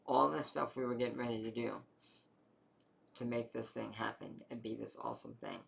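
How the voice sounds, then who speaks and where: Gravelly young man telling a rambling story. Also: mid-range voice, steady tone, moderate pace, fairly bright tone. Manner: rambling, full of fillers and swearing. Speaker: vlogger telling his health story. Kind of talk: casual personal storytelling.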